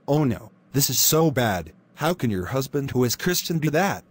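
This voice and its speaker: A man voicing a gentle, consoling pastor in an animated drama. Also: mid-range voice, moderate pace, slightly rough. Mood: soothing. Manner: soothing, consoling. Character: gentle, reassuring male pastor.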